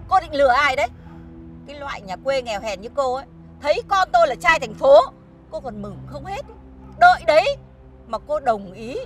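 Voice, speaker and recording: An actress playing a scornful, hot-tempered middle-aged mother who scolds and insults. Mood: contemptuous. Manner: scolding, insulting, shrill shouting. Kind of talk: web drama acting.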